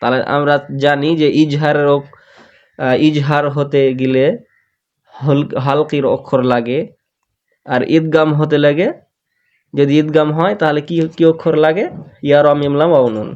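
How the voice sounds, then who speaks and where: A man teaching Quran recitation rules, breaking up quick explanations with slow, drawn-out chanted examples. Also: fairly high pitch, steady tone, darkish tone. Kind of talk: tajweed lesson, explaining and demonstrating recitation. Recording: dull lo-fi voice recording.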